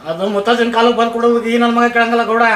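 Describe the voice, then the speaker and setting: A man's voice: extremely high pitch, flat delivery, rapid-fire, a bit bright, reverberant, slight background noise. A man playing a teasing village farmhand. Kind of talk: rustic comedy skit.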